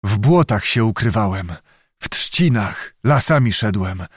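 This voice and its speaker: A man's voice: fairly low pitch, expressive, a little slow, breathy edge, no room sound, clean studio sound. Man voicing an exhausted starving knight. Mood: weary. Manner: weary, terse replies.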